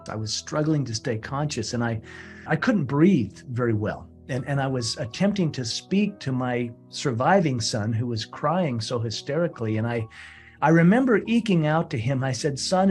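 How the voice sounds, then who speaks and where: A man telling a personal story in an earnest, halting way, often restarting and repeating words. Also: mid-range voice, darkish tone. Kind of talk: emotional first-person storytelling.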